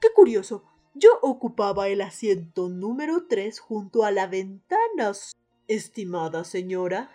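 Mujer haciendo de caballero inglés cortés y vacilante. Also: female voice, mid-range voice, big pitch swings, dark tone, faint music behind, voice pushed down. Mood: polite puzzlement. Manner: formal, hesitant, with pauses. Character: Mr. Martin, a polite hesitant English gentleman. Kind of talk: radio theatre acting.

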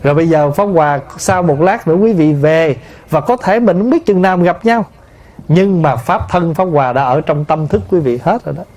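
Middle-aged male Buddhist teacher, high voice, dharma talk, explains through examples and self-posed questions. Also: fairly quick, darkish tone. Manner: explains with examples, asks and answers his own questions.

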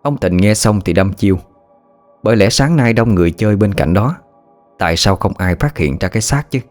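A man with a very low, deep voice narrating a horror story. His reading is steady, with faint music under it. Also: fairly quick.

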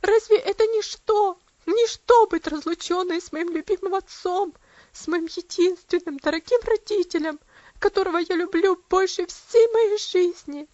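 A woman's voice: very high-pitched, normal speed, a little mellow, no room sound, highs cut off, voice pushed up. A woman reader voicing a devout, loving young girl who cries and pleads in a trembling voice. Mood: anguished pleading. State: crying.

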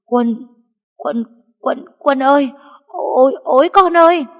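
A woman's voice: sits high, measured pace, pitched above the performer's own voice. A woman voicing a panicked old grandmother who stammers and wails. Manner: stammering, wailing. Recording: long hall reverb.

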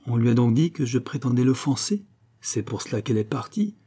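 A man voicing a moody, imperious young count, lovesick and emotional, with a husky voice. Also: mid-range voice, very animated, fairly quick, mellow. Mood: indignant.

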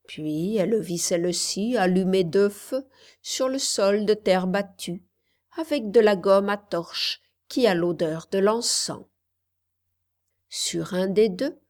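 Slow, measured woman storyteller. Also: mid-range voice, a little mellow. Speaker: audiobook reader. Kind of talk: scripted storybook narration.

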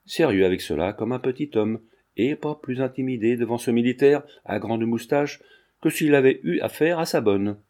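A man reading a classic novel aloud in a steady, measured audiobook narration. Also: medium pitch.

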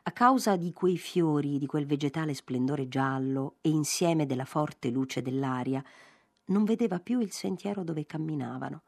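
A woman with a low, husky voice reads a literary novel aloud. Her pacing is measured and expressive. The sound is close and dry, with faint music underneath. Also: no room sound. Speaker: audiobook narrator. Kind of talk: literary audiobook reading.

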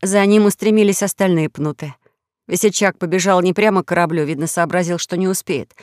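A woman narrating a children's audiobook story with expressive storytelling. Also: fairly low pitch, brisk, dry recording, clean studio sound.

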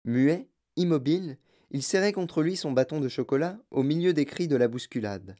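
A man reading a children's novel aloud as an audiobook narrator, with expressive storytelling. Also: fairly high pitch, moderate pace. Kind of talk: scripted narration.

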